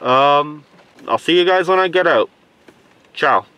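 A man's voice: fairly high pitch, lively intonation, a little slow. A man with a cold and sore throat chatting casually to camera from inside a parked car, voice slightly muffled by a face mask, rambling and rephrasing as he reviews films. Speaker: movie review vlogger.

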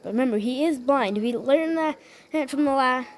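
A woman giving gameplay commentary in a hushed, half-whispered voice. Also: high voice, normal speed, low-quality recording. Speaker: gamer.

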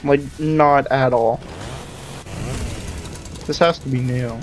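A man's voice: mid-range voice, slow pace, soft background music. A man with a lisp and slushy s sounds, giving casual, jokey, sweary commentary while playing a game. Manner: animated, exclaiming, sweary, jokey. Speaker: gaming video host.

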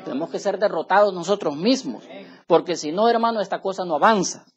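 A male preacher in a church delivering an emphatic sermon, addressing his listeners as brother and swinging between quiet asides and loud raised passages. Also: high voice, a little fast, slightly rough, lo-fi sound.

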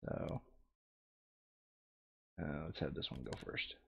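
Speaking slowly with a slightly bright voice, a man reads out enemy moves during a casual board game session and explains the rules in an instructive, insistent way. The microphone sounds dull and lo-fi, with a little background noise.

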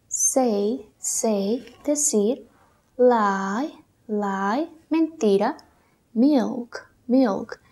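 A woman teaching English vocabulary, saying each word slowly and carefully, then repeating it. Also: a little high, darkish tone. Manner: slow, carefully repeated words. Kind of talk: language lesson dictation.

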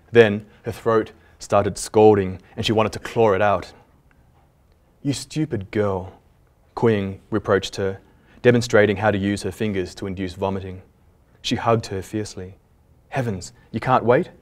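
Man, low voice, author reading fiction aloud, measured and deliberate, public library event.

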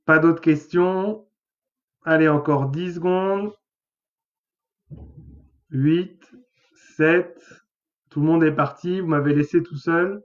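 A man's voice: on the high side, fairly even intonation, slow, pauses often, muffled recording. A man, a therapist hosting a live webinar, talking casually with many hesitations. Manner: chatty, hesitant with many fillers.

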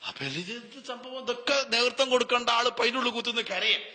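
Bright-voiced preacher in an echoing hall. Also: male voice, very high voice, fast. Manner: dramatic storytelling with rhetorical questions and answers. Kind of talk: Ramadan sermon. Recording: long hall reverb.

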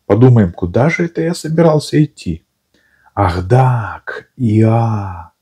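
Pooh, a man doing a slow musing little bear. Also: lowish voice, expressive, warm tone, slightly rough. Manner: slow, musing, talks to himself. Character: slow, simple-minded, good-natured little bear. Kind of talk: audiobook character voice.

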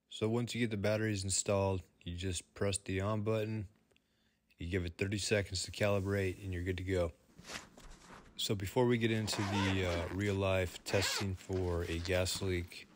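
A man's voice: low voice, no room sound. A man, a plumber, talking through a product review in an easygoing, plain-spoken way.

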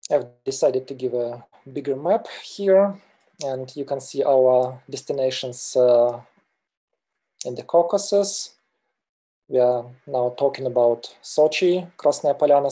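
A middle-aged Russian mountain guide presents slides in a webinar through a video call webcam, speaking hesitantly with many filler pauses. His voice is medium-pitched and warm.

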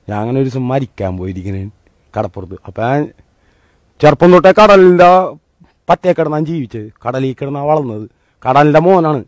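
A man giving a motivational talk, telling a personal story in a colloquial, animated way that swings between loud and hushed. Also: mid-range voice, no echo. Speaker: motivational speaker.

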